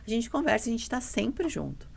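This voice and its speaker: A woman with a fairly high, sing-song voice talks at a normal speed, her tone slightly rough with some vocal fry. She's a guest on a podcast and a partner in a dental mentoring business, chatting casually and telling animated stories in a blunt, emphatic way. She often acts out dialogue and repeats herself.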